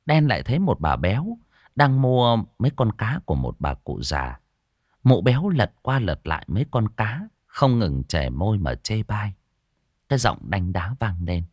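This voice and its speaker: Male audiobook narrator, lively and expressive, dry close recording. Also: lowish voice, no room sound. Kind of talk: storytelling narration.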